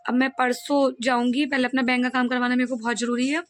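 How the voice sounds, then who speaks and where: A young woman vlogging at home, a college student who chats fast and loosely to her viewers. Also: sits high, little pitch movement, a bit bright. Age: young adult. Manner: fast, chatty talker. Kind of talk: casual vlog chat. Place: at home indoors.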